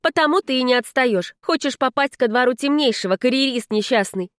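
Woman reading as a proud young vampire girl, sharp and scolding, high voice, dry close sound. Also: animated, fairly quick, no echo. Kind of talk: audiobook character reading.

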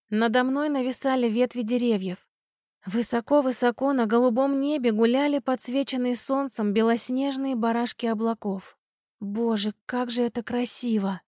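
A woman narrating an audiobook in an expressive first-person storytelling manner. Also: a little high, dry recording, clean studio sound. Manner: lively first-person storytelling, voicing characters' shouts.

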